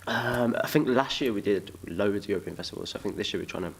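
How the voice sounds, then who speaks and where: A man's voice: lowish voice, fast talker, creaky, a little hiss or hum. A young man from England chatting casually in an interview, rambling and self-deprecating. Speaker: musician, interview guest.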